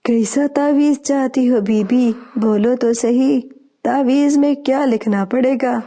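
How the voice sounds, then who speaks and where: Woman doing a gruff old witch bird. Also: mellow, highs cut off. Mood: scheming. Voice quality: deep mannish voice. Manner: slow, drawn-out incantations.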